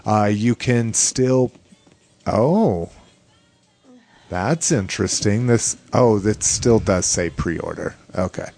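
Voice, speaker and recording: Low-voiced man hosting casually. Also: expressive, slow pace, vocal fry, a little mellow, soft background music. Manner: informal, sweary. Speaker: podcast host. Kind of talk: casual toy news chat.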